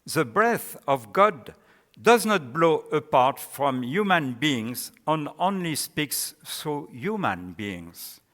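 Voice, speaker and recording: Slow French-accented male scholar in echoey hall. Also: on the high side, big pitch swings, a bit bright. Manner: deliberate, halting phrasing. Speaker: academic presenting a paper. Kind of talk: scholarly lecture and question answering. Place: large hall with an audience. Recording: echoey hall with long reverb.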